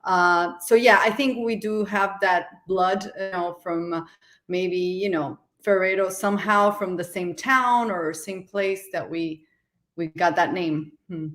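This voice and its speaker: A woman from Argentina, a guest in a podcast interview, talking in a relaxed, rambling way with many fillers. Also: on the low side, a little slow. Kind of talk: casual interview chat.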